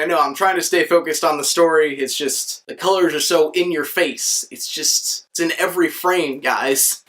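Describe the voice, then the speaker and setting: A man's voice: a little high, fairly bright tone. A young man giving a comedic film review, joking and sarcastic.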